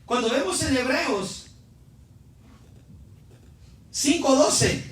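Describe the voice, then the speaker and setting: A male pastor preaching a sermon, shouting refrains and calling on the congregation to answer. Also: extremely high pitch, drawn-out words. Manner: animated preaching, shouting refrains, calls for responses. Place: church sanctuary. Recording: echoey church hall, mic at a distance.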